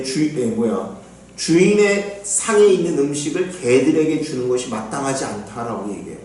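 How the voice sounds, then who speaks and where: Animated pastor preaching in an echoing church. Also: male voice, a little high, slight background noise. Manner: animated preaching, acts out voices in quotes. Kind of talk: sermon. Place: church sanctuary. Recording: echoey church hall, mic at a distance.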